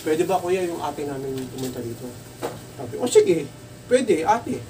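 A high-voiced Filipino man recounts shop stories in a casual vlog, his voice jumping up whenever he acts out other people's lines. He sits back from the mic, with faint background noise in the room. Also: moderate pace, recorded from a distance, low-quality recording. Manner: animated, acts out dialogue in raised voice. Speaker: computer shop owner.

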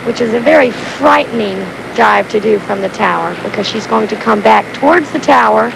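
A woman's voice: on the high side, brisk, gravelly. A woman explaining technique as an expert analyst in live sports commentary on an old stadium broadcast. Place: outdoor diving stadium. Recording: very noisy crowded 1980s stadium broadcast.

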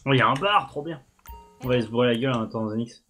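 A man's voice: mid-range voice, very fast, a bit bright, soft background music. A man in casual, slangy gaming chat, joking and swearing as he plays. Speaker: video game player. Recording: clearly noisy background with clicks. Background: noise and clicking.

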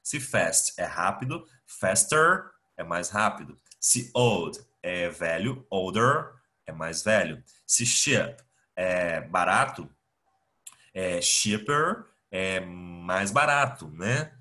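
A man's voice: low voice, expressive, slow, bright, forceful tone. A Brazilian man teaching an English class over a video call, explaining patiently step by step with many fillers. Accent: Brazilian Portuguese. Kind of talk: online class lecture. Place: home, remote video class. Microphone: computer mic on a video call.

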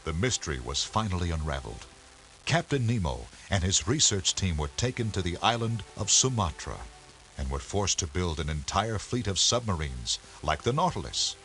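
A man giving measured, scripted storybook narration for an educational game. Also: deep voice, very animated, fairly bright tone, exaggerated voice.

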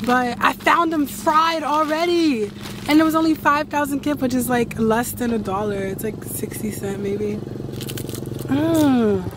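A tired woman in a rambling, excitable casual vlog to camera, recorded outdoors at night on a handheld phone after a long ride. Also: high-pitched, unhurried, very noisy. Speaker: travel vlogger.

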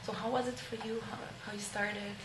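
Young woman moderating a panel; chatty and earnest with lots of fillers, in a roomy space with steady background noise. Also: mid-range voice, a little fast. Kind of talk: panel discussion. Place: small indoor event room. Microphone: handheld mic. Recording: echoey room with background noise.

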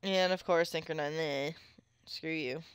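A woman giving chatty, excitable commentary on her own gameplay into a close mic, with sudden squeals when something catches her eye. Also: low voice, measured pace, smooth, no room sound. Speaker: let's play gamer.

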